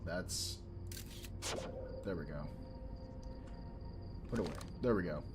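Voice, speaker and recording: Slow, musing man streaming a game. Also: low-pitched, over music, low-quality recording. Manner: hesitant, musing to himself. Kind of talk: casual gameplay commentary.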